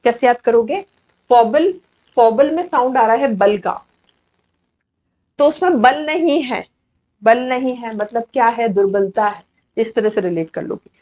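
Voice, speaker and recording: A fairly high-pitched Indian woman teaches vocabulary in an online exam coaching class. She talks in a chatty, repetitive way, mixing Hindi and English as she walks through each word. The sound is a little dull and lo-fi. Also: measured pace, long pauses, a little mellow. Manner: chatty, explains in mixed Hindi and English, repeats key words.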